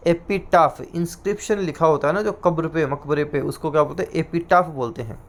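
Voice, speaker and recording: A male teacher with a Rajasthani Hindi accent delivers an exam-prep lecture, his voice pitched on the high side. He repeats every answer slowly, as though dictating terms.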